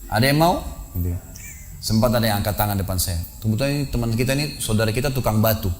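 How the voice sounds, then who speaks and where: A man preaching a sermon in a mosque, telling a story with lively animation and sudden loud, emphatic bursts. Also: on the low side, rapid-fire. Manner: animated storytelling, acting out the people in his story. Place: mosque hall.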